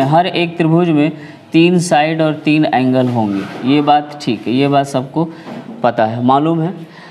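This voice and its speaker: A man's voice: on the high side, darkish tone. A man teaching a math class, explaining patiently and often asking whether the students follow. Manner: explanatory, checks understanding with repeated questions.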